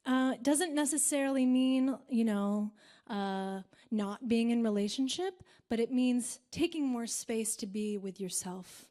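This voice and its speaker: Soft, slow-speaking woman singer. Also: a little high. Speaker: singer leading a spiritual gathering. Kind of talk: spiritual talk between songs at a live concert.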